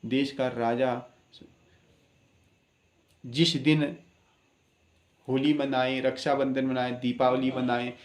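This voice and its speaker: A man speaking as an astrologer, delivering an earnest, preaching address at an ordinary middle pitch. He presses his points with rhetorical questions. The room around him is echoey. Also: flat delivery, takes it slowly, long pauses. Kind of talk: impassioned spoken address.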